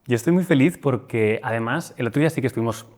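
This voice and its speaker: Man host, mid pitch, chatty and enthusiastic. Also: quick pace, darkish tone. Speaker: podcast host. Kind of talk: interview host.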